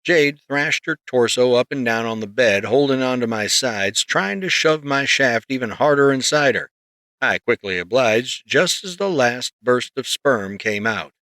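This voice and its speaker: This is an audiobook narrator, a man with a mid-range voice reading a first-person story steadily and with measured pacing. He sits close to the mic, and there's no echo.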